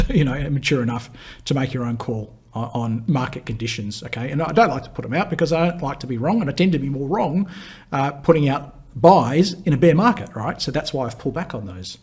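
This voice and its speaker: Here a market analyst, voice hoarse and going, answers viewers in a live Q&A while wandering through chart commentary. The voice is mid-range with a darkish tone, and his delivery is chatty, full of fillers and restarts, punctuated by brief laughs.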